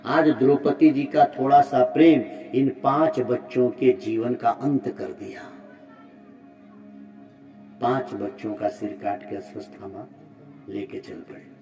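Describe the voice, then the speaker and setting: A man giving a devotional sermon, retelling a religious story and appealing to the mothers listening. He shifts dramatically between loud exhortation and soft asides. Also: mid-range voice, steady tone, takes it slowly. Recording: muffled distant mic with music.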